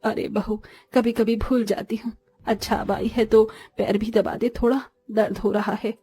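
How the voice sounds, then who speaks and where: A woman's voice: fairly high pitch, flat delivery, moderate pace, mellow, breathy edge. A woman voicing a demanding, forgetful older mother-in-law who keeps calling for her daughter-in-law in a storybook drama. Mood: grumbling. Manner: scolding, calling out.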